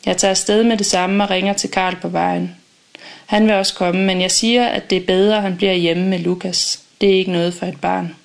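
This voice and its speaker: A woman reading a first-person audiobook in a calm, measured, intimate way. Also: on the low side, gravelly. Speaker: audiobook narrator.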